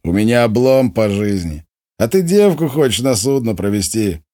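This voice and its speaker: A man's voice: fairly low pitch, animated, normal speed, dark tone, voice pushed up, lightly acted. A man voicing a gullible young man who talks in blustering slang. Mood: sulky. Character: gruff gullible young man, sulky and easily won over.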